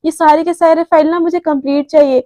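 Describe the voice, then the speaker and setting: A woman's voice: high voice, fairly even intonation, fairly quick, darkish tone, no echo, lightly acted. A woman voicing a strict, demanding female boss who speaks sternly. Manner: stern, commanding.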